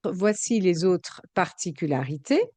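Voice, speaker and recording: A woman teaching a grammar lesson, explaining spelling and sounds slowly and carefully, repeating each example. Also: lowish voice, animated, darkish tone, no echo. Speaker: French teacher.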